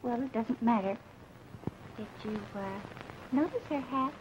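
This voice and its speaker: An actress playing a possessive young fiancée with sweetly cutting remarks in 1940s screwball comedy film banter. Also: female voice, fairly high pitch, unhurried, close to an everyday voice. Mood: catty. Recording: muffled, noisy 1940s film soundtrack.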